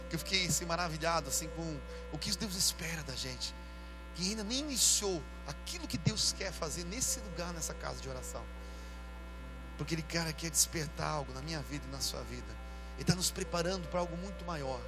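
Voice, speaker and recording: A man preaching a sermon as pastor, in a casual, slangy way, calling out to his church and shouting when he acts out people. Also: fairly high pitch, poor audio. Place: church service with music behind.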